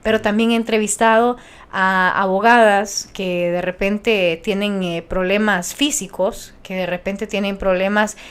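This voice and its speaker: A young Honduran woman speaks with a Honduran Spanish accent. She is a radio announcer and talks animatedly and passionately, often restarting her sentences. Her voice sits at a middle pitch. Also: steady tone, unhurried, clean tone. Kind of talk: casual interview chat.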